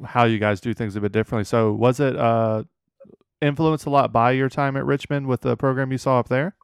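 A man's voice: mid-range voice, steady tone, fairly quick, creaky, clear, resonant tone, no room sound, clean studio sound. A young man hosting an interview podcast, eager and a little stumbling, with frequent "uh". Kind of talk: casual interview.

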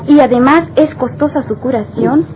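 An actress playing a calm, frank hospital nurse in a radio drama. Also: female voice, sits high, normal speed, lightly acted. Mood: calm, informative. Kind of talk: old radio drama acting. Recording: dull, noisy old radio recording.

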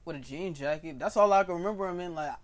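A man's voice: on the high side, fast talker, dry recording. A young American man in casual, slangy conversation as a podcast co-host. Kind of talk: casual chat.

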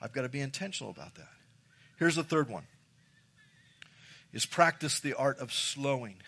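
A man's voice: mid-range voice, expressive, normal speed, a bit bright, slightly rough. A man preaching a sermon as pastor, emphatic, repeating key phrases and addressing the congregation directly.

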